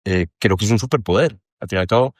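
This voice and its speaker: Appearing on a podcast, a young Colombian man with a Colombian Spanish accent speaks fast in a fairly low voice, swearing freely and putting himself down as he rambles on in open, casual conversation. The studio-quality recording has no room sound.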